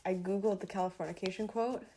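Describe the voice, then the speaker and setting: A woman co-hosts a podcast in loose, casual banter. Her voice sits at a middle pitch. She is chatty, laughs often and swears freely. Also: steady tone, fast, warm tone, slight background noise. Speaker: podcast co-host.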